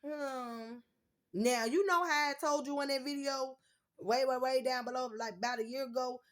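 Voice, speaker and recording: Woman ranting on her channel, cussing, fired up, kinda high voice, nose running. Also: moderate pace. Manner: blunt, profane, heated rant. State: runny nose. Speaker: YouTuber. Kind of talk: unfiltered storytime vlog.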